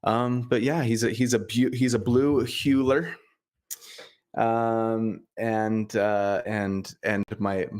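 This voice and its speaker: A man with a lowish voice describes his character in a tabletop game. He talks haltingly, repeating words and chuckling as he goes. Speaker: player.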